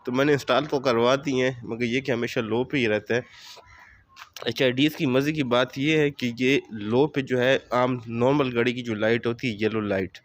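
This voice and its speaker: A man with a sore throat explaining car modifications in a casual video, speaking in a measured, advising way with frequent fillers. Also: medium pitch. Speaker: car vlogger. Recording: faint background noise.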